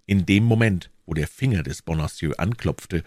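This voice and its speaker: Deep-voiced man reading a classic novel. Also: normal speed, a little mellow, dry recording. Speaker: audiobook narrator. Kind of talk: scripted literary narration.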